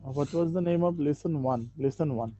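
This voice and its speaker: A man teaching English in an online live class. He explains step by step with many okays, and reads English lines out slowly to drill pronunciation. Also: fairly high pitch, dark tone, dull audio, a little hiss or hum.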